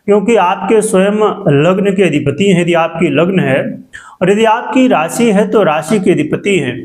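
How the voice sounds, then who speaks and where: A man presenting a horoscope as an astrologer, speaking formally and deliberately in phrases to his viewers, his voice carrying an echo. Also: sits high, a little mellow. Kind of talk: explanatory talk addressed to viewers. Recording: echoing voice, as in a cave.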